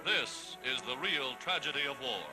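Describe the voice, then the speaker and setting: Over loud newsreel music, a mid-range male voice with lively intonation delivers scripted 1940s narration at a moderate pace. He is American, and his reading is formal, dramatic and declamatory, captured on a vintage 1940s newsreel soundtrack.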